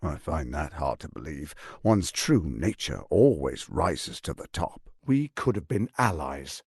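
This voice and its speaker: Voicing a scheming male archduke for a video game, the actor swings dramatically between hushed lows and soaring highs, a gravelly creak beneath silky, pompous menace. At a measured pace, he lands each phrase with theatrical relish and cold menace. The heavily acted performance is recorded close and dry.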